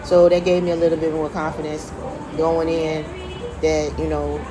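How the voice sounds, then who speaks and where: A woman's voice: deep voice, flat delivery, normal speed, noisy background. A middle-aged American woman chatting casually in a folksy, emphatic way, repeating words for stress. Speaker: companion in the conversation, an aunt. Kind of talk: casual chat.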